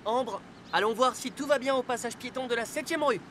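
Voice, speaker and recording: Poli, a calm rescue police car. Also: male voice, extremely high pitch, fairly quick, heavy background noise. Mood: instructive. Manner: calm, instructive. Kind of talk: cartoon dub. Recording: loud music behind voice.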